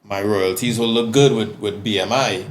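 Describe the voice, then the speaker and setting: A man's voice: on the low side, moderate pace, slight background noise. A Trinidadian man, a guest singer-songwriter, talking casually on a podcast and telling stories with frequent stammered restarts.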